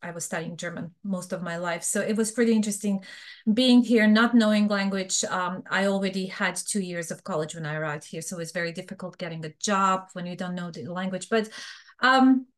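A woman's voice: lowish voice, fairly quick. A middle-aged woman from Bosnia with a Bosnian accent, speaking frankly and chattily as an interview guest. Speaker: guest, fraud professional. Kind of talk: casual interview talk.

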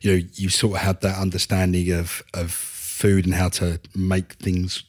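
A man's voice: low voice, monotone, moderate pace. A man in his forties with an Essex accent, chatting casually as an interview guest, often dropping in "you know". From Essex, England. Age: 40s. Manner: conversational, peppered with "you know". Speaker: podcast guest, chef consultant.

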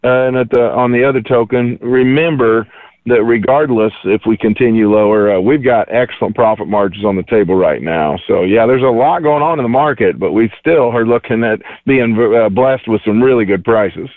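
A man's voice: mid-range voice, moderate pace, no echo. A man speaking over the phone as a market analyst guest, rambling in a folksy way with many fillers. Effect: heard over the phone. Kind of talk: casual market commentary. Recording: tinny dry phone line.

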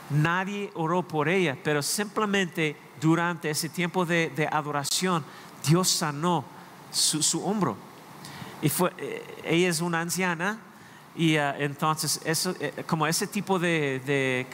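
A man's voice: a little high, fairly bright tone, long reverb tail, slight background noise. A man, a pastor preaching a sermon in a conversational way, asking his listeners questions directly.

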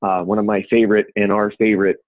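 A man's voice: on the low side, little pitch movement, fast. A middle-aged man with an Upper Peninsula Michigan accent, talking as an interview guest in a folksy, wordy, playful way over a phone-like connection. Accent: Upper Peninsula Michigan (Yooper). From Upper Michigan, United States. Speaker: interview guest, home inspection business owner. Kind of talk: conversational interview. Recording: echoey, narrow phone-like call audio.

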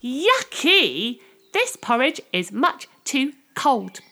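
A woman's voice: wildly swooping pitch, very slow, bright, forceful tone, full character voice. A woman voicing Goldilocks as a curious, fussy little girl in a storybook reading. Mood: disgusted. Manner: high, squealing exclamations.

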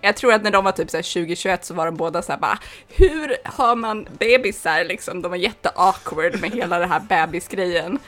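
Pratglad kvinna som spelar rollspel. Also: female voice, lowish voice, steady tone, hardly any pauses, fairly bright tone. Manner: chatty, giggly, drops to a whisper for in-character secrets. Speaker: player. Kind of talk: playing a character in a tabletop role-playing game.

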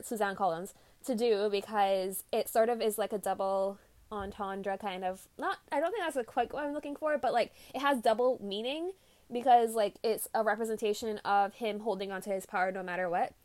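A young woman chatting casually on a book podcast, animated and often laughing. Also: medium pitch, dry recording. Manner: giggly, animated, quick to laugh.

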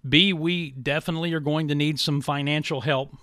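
A man hosting a podcast, talking reflectively and haltingly in a monologue to listeners. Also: fairly high pitch, fairly even intonation, a bit bright, no echo, studio quality. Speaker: podcast and radio host. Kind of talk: monologue to listeners, partly scripted ad reads.

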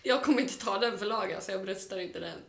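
A woman co-hosts a loose, swear-heavy podcast chat, laughing often. Her voice has a gravelly vocal fry. She is recorded in an echoey room. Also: mid-range voice. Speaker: podcast co-host. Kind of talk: casual chat.

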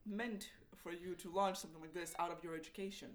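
Female interviewer, lower-pitched voice, measured questions with occasional restarts. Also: fairly even intonation. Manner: long, carefully built questions with restarts.

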